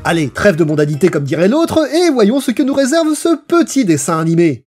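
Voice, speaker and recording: This voice-over, set against music, features a man with a high, very animated voice that runs a little fast and has a darkish tone. He reads a scripted video essay with a playful, theatrical storytelling flair.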